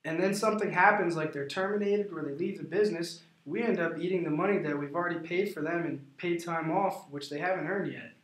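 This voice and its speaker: Guy with a highish voice, measured formal client in a business role play, roomy echo. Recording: echoey, roomy sound.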